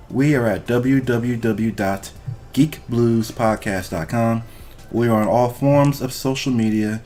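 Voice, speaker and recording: Informal male podcast host, mid-pitched. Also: a little mellow. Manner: informal, profane, addresses listeners directly. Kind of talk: casual podcast chat.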